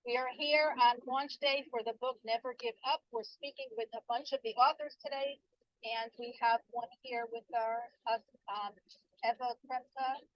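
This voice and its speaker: A woman interviewer asks guests brisk, friendly questions. Her voice sits a little high. The audio is dull and lo-fi, dry with no room sound. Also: steady tone, dry recording.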